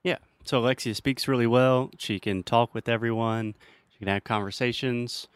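A man's voice: mid-range voice, fairly even intonation, moderate pace, clear, resonant tone, no room sound. A man hosting an English-learning podcast, teasing his guest and explaining grammar patiently with examples. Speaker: podcast host and English teacher. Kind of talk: casual teaching chat.

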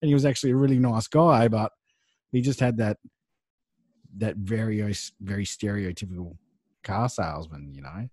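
A man hosts a podcast on a close-up studio microphone, telling stories in casual chat with an easygoing, affirming manner. His voice is on the low side and a little mellow, moving at a moderate pace with long pauses. There's no echo.

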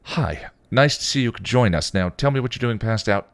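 A man's voice: mid-range voice, lively intonation, normal speed, dry recording, voice pushed up, natural voice. A man reading aloud and voicing a commanding young woman who fights monsters. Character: bossy young woman, vampire slayer.

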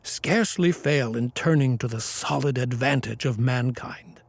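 A man's voice: medium pitch, a little slow, vocal fry, no echo. A man playing an encouraging, learned science professor in a radio play, speaking in a formal, declamatory lecturing manner. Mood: oratorical, enthusiastic. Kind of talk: dramatic radio play acting.

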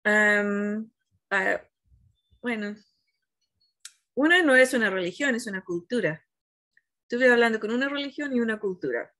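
A woman spiritual teacher in a reflective, conversational talk, retelling a story in an animated way and often searching for the right word. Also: a little high, unhurried, long pauses.

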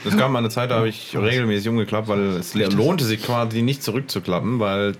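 A man co-hosting a casual podcast outdoors, relaxed and laughing easily, often restarting his sentences. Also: on the low side, quick pace, a little hiss or hum. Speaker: podcast co-host. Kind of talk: casual chat among friends. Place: outdoors at a city table.

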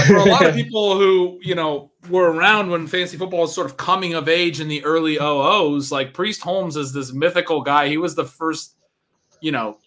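Bright-voiced man in casual sports chat. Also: on the high side. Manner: quick, chatty, laughs easily. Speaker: fantasy football podcast host.

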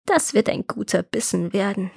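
A woman's voice: medium pitch, lively intonation, normal speed, darkish tone. A woman voicing a wicked old witch. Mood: gloating. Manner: gruff, scolding, bossy. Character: wicked old child-eating witch, cunning and harsh. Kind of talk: storybook reading.

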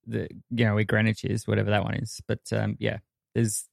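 Gravelly Australian man, dry teasing. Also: fairly low pitch, completely flat delivery, brisk, dry recording. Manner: laid-back, dry teasing. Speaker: podcast co-host. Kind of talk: casual chat.

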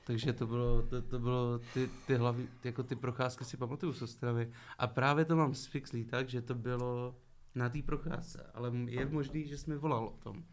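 A man's voice: medium pitch, fairly even intonation, hardly any pauses. A man, a rapper guest, talking in a laid-back, rambling way and laughing often in a casual podcast conversation.

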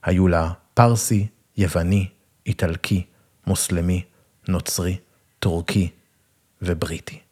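A man's voice: low-pitched, steady tone, long pauses, a little mellow, husky. A man reading a first-person literary story in a wry, self-mocking way.

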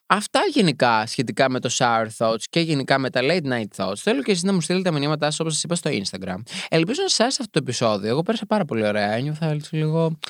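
A young man from Greece hosting a solo podcast, reading passages aloud and breaking into campy, chatty asides with sudden swoops up in pitch. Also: very animated, dry recording, studio quality. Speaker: podcast host.

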